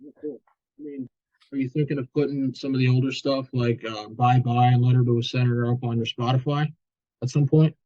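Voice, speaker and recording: A man co-hosting a podcast, relaxed and agreeable, asking the guest questions in a casual chat. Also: mid-range voice, a little fast, no echo. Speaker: podcast co-host. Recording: dry, slightly dull mic.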